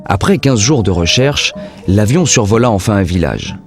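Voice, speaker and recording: A man's voice: lowish voice, expressive, moderate pace, soft background music. A man reading scripted narration for a historical documentary.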